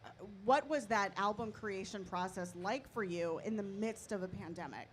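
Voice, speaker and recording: A woman's voice: mid-range voice, moderate pace, slight background noise. A woman interviewing a band at a festival, chatty and giggly, full of fillers.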